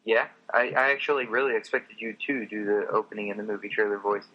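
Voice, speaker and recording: A man co-hosting a podcast, chatting casually with quick joking replies. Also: lowish voice, little pitch movement, muffled recording. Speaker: podcast co-host. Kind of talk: casual chat.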